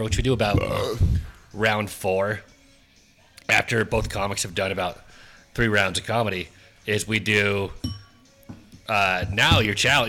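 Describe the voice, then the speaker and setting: Male host, bright tone, loose rambling joker. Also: fairly low pitch. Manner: jokey, rambling, laughs a lot. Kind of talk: casual podcast banter.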